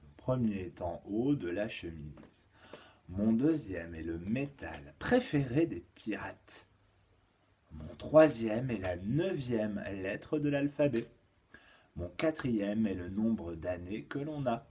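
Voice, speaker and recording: A male kindergarten teacher giving a home-schooling lesson to young children. He counts aloud, sings a rhyme and reads riddles slowly and clearly. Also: lowish voice, animated, mellow, a little hiss or hum.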